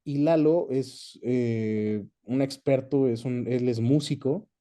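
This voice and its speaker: This interview guest, a dubbing actor and director, has a Mexican accent and a slow, dark, mid-range voice. He talks casually, sharing stories from his own experience.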